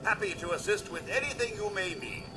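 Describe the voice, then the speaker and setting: A man's voice: high voice, sing-song, brisk, background noise. A man voicing a polite robot butler in a game, formal and attentive and keen to serve. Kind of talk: game character dialogue.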